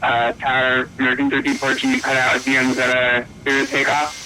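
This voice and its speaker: A man's voice: mid-range voice, flat delivery, sharp tone, rough recording. A man, an online flight-sim pilot, heard over the radio, giving clipped readbacks to the tower. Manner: quick, clipped radio phrasing. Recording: static radio transmission with noise.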